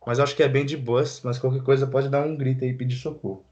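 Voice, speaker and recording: A young man from Brazil teaching English online, easygoing and slangy, slowing down to model English phrases. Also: mid-range voice, level tone, darkish tone, highs cut off. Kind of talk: live online English lesson.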